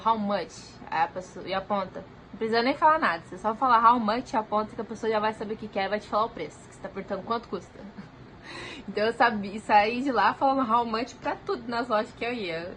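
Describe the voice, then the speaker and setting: A young woman with a Brazilian Portuguese accent, telling a story in a casual, animated vlog and acting out the dialogue she quotes. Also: mid-range voice, a little hiss or hum, low-quality recording. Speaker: vlogger.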